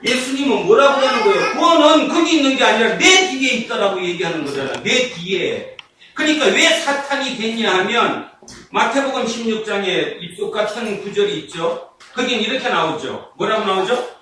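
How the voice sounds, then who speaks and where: A male pastor preaching with a lively voice that leaps up and down. He keeps throwing questions at his listeners, stretches key words out slowly and breaks into laughs and shouts. The sound comes from a booming church hall, picked up from a distance. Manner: keeps asking the congregation rhetorical questions; animated, often laughing and shouting for emphasis. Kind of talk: sermon. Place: church sanctuary. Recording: echoey hall, mic far off, noisy.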